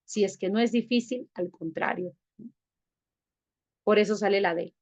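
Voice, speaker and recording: A woman's voice: mid-range voice, unhurried, a little mellow. A woman teaching an online class, affectionate and coaxing, who keeps asking the students to confirm they follow. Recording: dull lo-fi sound.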